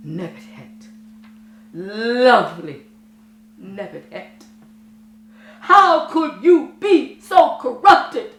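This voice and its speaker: A woman's voice: on the high side, a bit bright, exaggerated voice. A woman acting a vain, arrogant male god on trial, with a grandiose, theatrical stage delivery. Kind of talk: stage drama performance. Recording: roomy stage with music behind.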